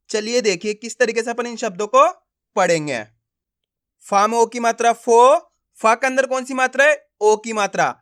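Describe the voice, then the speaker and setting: A man teaching a reading lesson, sounding out each syllable slowly and firmly and often asking the listener if it is clear. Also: very high-pitched, a bit bright. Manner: sounds out words syllable by syllable, slow and emphatic; repeats simple questions to the viewer.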